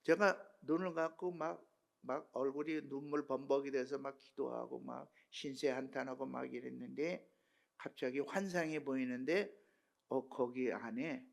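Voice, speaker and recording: Gravelly older Korean pastor preaching. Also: male voice, medium pitch, fairly even intonation, moderate pace. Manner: emotional storytelling, swinging between hushed and shouting. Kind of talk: sermon with personal testimony.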